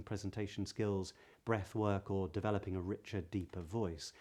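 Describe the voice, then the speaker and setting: Low, mellow-voiced British voice coach, man. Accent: Southern British. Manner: careful, precise articulation. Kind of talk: pronunciation lesson.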